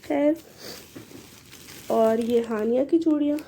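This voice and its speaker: A hoarse young woman talks through a casual vlog, short of breath from a cold. Her voice sits a little high but sounds mellow and soft-edged. A faint hiss of background noise stays under her voice throughout. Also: slow. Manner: chatty, explaining items one by one. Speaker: vlogger. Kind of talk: casual show-and-tell vlog.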